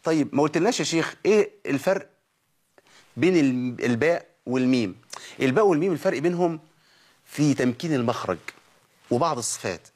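A man's voice: a little high, lively intonation, fast, pauses often, darkish tone. A man with an Egyptian Arabic accent teaching Quran recitation in a recorded lesson. He poses questions and answers them himself, and models sounds for learners to repeat.

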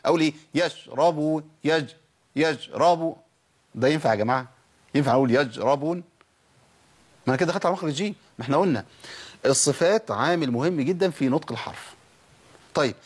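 A man with an Egyptian Arabic accent teaching Quran recitation, who asks and answers his own questions and slows down to drag out the sounds he demonstrates. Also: on the high side, expressive, husky. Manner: quick explanations broken by slow, drawn-out demonstrated sounds. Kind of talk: recitation lesson.

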